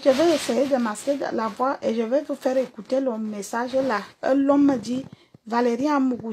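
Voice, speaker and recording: A woman's voice: high-pitched, vocal fry, darkish tone, slightly rough. A woman singer delivering an angry, mocking social media rant, hurling repeated insults. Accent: Cameroonian.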